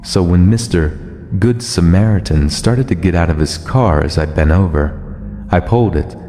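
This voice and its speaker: A man reading a first-person horror story as scripted narration, in a steady, low-key way. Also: normal speed. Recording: long reverb over music. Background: soft music.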